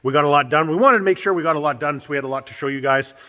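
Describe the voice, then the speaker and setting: A man's voice: on the high side, racing, pushed and bright. Chatty man in an echoey shop. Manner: upbeat and chatty, laughs often. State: stuffed-up nose. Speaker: vlog host. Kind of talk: casual build vlog narration. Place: workshop house under renovation, indoors.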